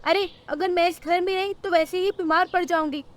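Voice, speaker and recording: In a cartoon story, a grumpy old hen of a mother-in-law nags and scolds, voiced by a woman in an extremely high, pushed-up pitch. Her intonation stays fairly even and her delivery a little fast, full of sharp-tongued complaining.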